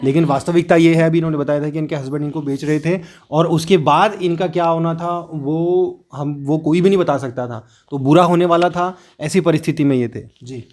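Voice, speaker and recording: A man's voice: on the high side, fairly even intonation, brisk, few pauses, a little mellow. Man interviewing, explaining for listeners. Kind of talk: testimony interview.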